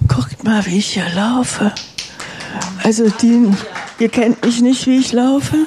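A woman's voice: on the high side, steady tone, slow pace, dark tone, slight background noise. A woman giving a plain, earnest personal testimony during a church service.

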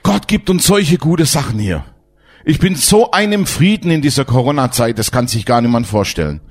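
A man preaching a sermon as pastor, emphatic and lively, asking his congregation questions. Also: medium pitch, moderate pace.

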